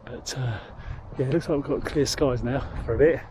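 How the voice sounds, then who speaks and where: A man vlogging outdoors by a lake, a little out of breath, talking in a halting way with many ums and uhs. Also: medium pitch, background noise. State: slightly out of breath. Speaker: angler vlogger. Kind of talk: casual outdoor vlog commentary.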